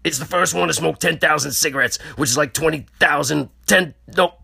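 A man voicing a brash, boastful chain-smoking woman with a gravelly, raspy smoker's voice and a cackling, wisecracking manner. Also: a little high, brisk, pushed and bright, pitched above the performer's own voice, full character voice.

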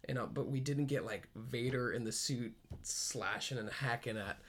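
An excitable man co-hosting a casual podcast, rambling through his thoughts with plenty of laughter. His voice sits at an ordinary middle pitch for a man. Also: moderate pace, a little hiss or hum. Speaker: podcast co-host. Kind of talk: casual fan chat.

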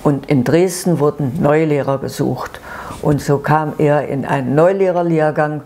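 Sweet, mellow-voiced very old woman reminiscing. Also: low-pitched. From eastern Germany. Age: 90s. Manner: halting, searching for words, repeating herself. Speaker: grandmother recounting her life. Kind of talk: unscripted personal life story.

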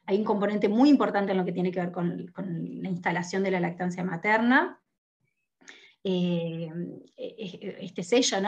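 A woman teaches in an earnest, steady way. She explains things point by point and keeps checking in with small questioning tags. Her voice sits at an ordinary middle pitch for a woman. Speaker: lactation educator.

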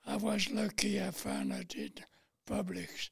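As an interview guest, a French-accented man in his late nineties, a war veteran from Paris, slowly recounts his own memories in plain, halting English. His voice sounds high, thin and breathy, raspy and very husky, dropping into heavy fry as the pitch swoops wildly. The recording is dry.

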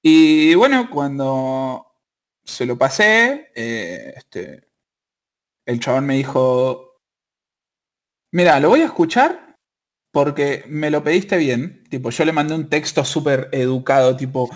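A man's voice: mid-range voice, animated, slow pace. A young man with a Rioplatense Spanish accent, hosting a podcast and telling a story in rambling casual chat with lots of fillers. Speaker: podcast host.

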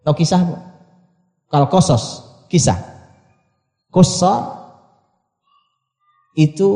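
A man preaching a sermon on Quranic Arabic, repeating his phrases, asking listeners rhetorical questions and reciting verses slowly between his explanations. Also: medium pitch, mellow. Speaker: Islamic preacher. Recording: echoey hall with long reverb.

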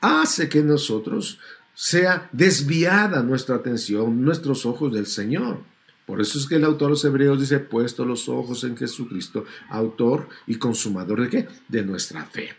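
A man delivering a sermon, his pitch swinging widely from soft low asides to sudden high peaks. He draws out key words slowly and keeps asking rhetorical questions of his listeners. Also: expressive, vocal fry. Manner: drawn-out emphatic preaching with rhetorical questions. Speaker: preacher.

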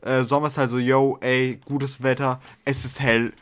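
A man's voice: medium pitch, little pitch movement, normal speed, clean tone. A young man in casual chat with friends, rambling with fillers, slang and swearing.

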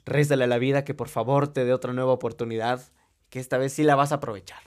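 A young Mexican motivational speaker with a Mexican Spanish accent talks fast in a mid-range voice with fairly even intonation. His monologue is blunt and profane, aimed straight at the listener.

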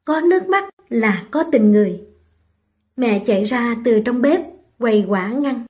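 High-voiced woman reading a sad story. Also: very animated, moderate pace, darkish tone. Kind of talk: first-person story reading.

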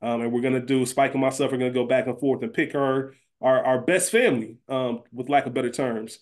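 Speaking briskly in a mid-range voice, a man hosts a podcast and shoots the breeze about TV. He keeps it loose and conversational, full of slang.

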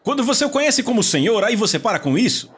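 A man preaching a sermon in an animated style, mocking the way people pray and rising to shouts. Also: high voice, fast, a little hiss or hum.

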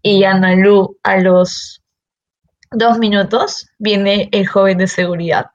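A young woman with a Peruvian Spanish accent, a student telling an anecdote in a casual, animated way with frequent laughs. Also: mid-range voice, lo-fi sound. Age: young adult. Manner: animated, laughs often, quick asides. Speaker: engineering student, guest.

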